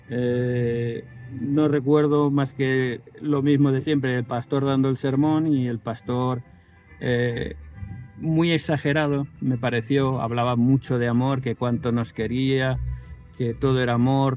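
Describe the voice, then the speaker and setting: A man's voice: mid-range voice, narrow, tinny audio. A man, telling a personal story in a rambling way with many restarts. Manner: rambling, with self-corrections and fillers. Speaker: vlogger.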